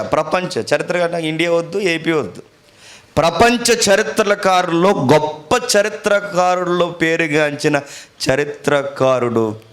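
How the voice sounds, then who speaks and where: Preacher with dramatic swings. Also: male voice. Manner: dramatic swings from low murmurs to loud rising appeals; rhetorical questions to the congregation. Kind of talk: sermon.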